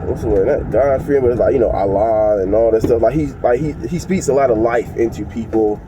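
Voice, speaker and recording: A man's voice: medium pitch, fairly quick. A man with a congested voice, chatting loosely to his viewers with lots of fillers and restarts while he drives. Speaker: vlogger. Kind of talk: casual talk to viewers while driving. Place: inside a moving vehicle. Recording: dull lo-fi sound with loud road noise.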